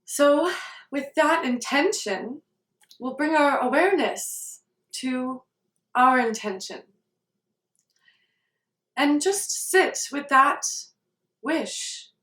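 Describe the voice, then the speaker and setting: Woman leading a meditation, slightly high voice, calm and slow, roomy sound a bit off mic. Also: far from the mic. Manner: slow, soft, calm guiding. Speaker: meditation guide. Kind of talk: guided meditation.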